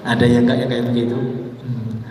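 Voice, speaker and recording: A man preaching a sermon as a lively storyteller, chanting Arabic phrases in a drawn-out singsong. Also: mid-range voice. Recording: echoey hall, distant mic, faint hum.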